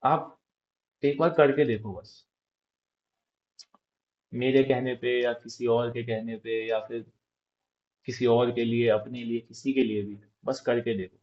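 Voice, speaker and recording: A man's voice: medium pitch, steady tone, slow pace, long pauses, highs cut off. A man giving an informal motivational talk, coaching his listeners and checking in with them as he goes. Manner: informal, coaching, asks "ठीक है?" often. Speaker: motivational speaker.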